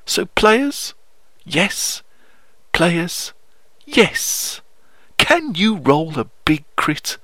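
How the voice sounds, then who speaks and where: A man's voice: sing-song, drawn-out words, long pauses, pushed and bright, dry recording, full character voice. A man putting on a posh, theatrical voice to recite comic verse as a pompous male poet. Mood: rousing. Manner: plummy, sing-song, exaggerated swoops in pitch.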